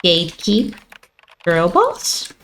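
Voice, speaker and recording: A woman's voice: fairly low pitch, huge pitch swings, slow pace, fairly bright tone, a little hiss or hum. A woman streamer giving playful, mock-dramatic commentary as she plays a game and argues with a character on screen. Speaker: gaming streamer. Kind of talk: let's play commentary.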